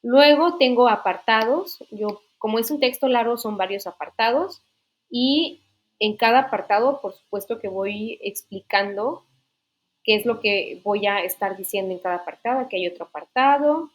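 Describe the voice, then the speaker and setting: A woman's voice: a little high, moderate pace. A woman teacher explaining writing rules in an online literature class, patient, often checking that students follow. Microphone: computer mic in an online class.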